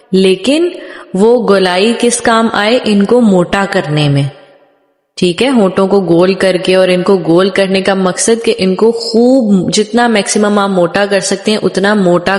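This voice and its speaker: A woman teaching a tajweed lesson, patiently explaining how letters are said and modeling each sound slowly, again and again. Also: medium pitch. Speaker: Quran recitation teacher. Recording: echoey room with long reverb.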